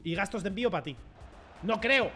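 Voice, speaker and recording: A man giving excitable gameplay commentary from his bedroom at home, with loud outbursts, swearing and repeated catchphrases. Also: high-pitched, brisk, faint music behind. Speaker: gaming streamer.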